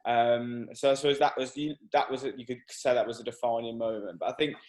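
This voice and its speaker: A man's voice: mid-range voice, fairly even intonation, fairly quick, a little mellow. A man in his twenties from Birmingham, a guest singer-songwriter rambling casually in a radio interview with many fillers. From Birmingham, England. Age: 20s.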